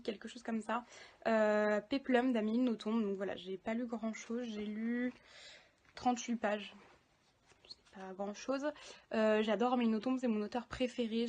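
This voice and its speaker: A young woman talking casually about her reading in a book vlog, filmed on her phone, often pausing with fillers. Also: fairly high pitch, a little mellow. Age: young adult. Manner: chatty, many hesitations and fillers. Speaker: book vlogger. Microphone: phone camera.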